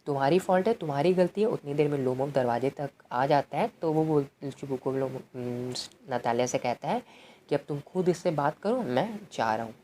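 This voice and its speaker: A woman with a low, mellow voice works through a play like a tutor. She reads each line aloud and then explains it in an easy, conversational way. There is a faint hiss of noise behind her. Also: moderate pace. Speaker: English literature tutor. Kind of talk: explaining a play in Hindi with English quotes.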